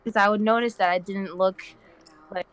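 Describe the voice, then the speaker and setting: A woman's voice: mid-range voice, fairly even intonation, normal speed, clear, resonant tone, poor audio. Slangy nineteen-year-old woman rambling. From Dominican Republic. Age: young adult, 19. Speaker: guest. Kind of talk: casual chat on a live stream.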